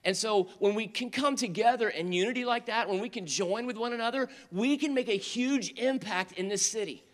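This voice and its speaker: A man preaching to teenagers in an earnest storytelling manner, rising to urgent appeals and dropping to quiet, tender moments. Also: high-pitched, a little fast, few pauses. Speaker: youth pastor. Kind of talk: sermon to teenagers. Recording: long hall reverb.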